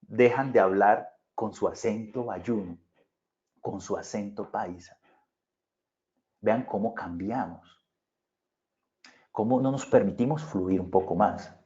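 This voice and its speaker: A man's voice: lowish voice, slow pace, long pauses, dark tone. A man with a Bogotá Colombian accent, a public speaking consultant giving a virtual conference lecture in a conversational way. He often checks in with his listeners. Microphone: video call. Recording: muffled video-call audio.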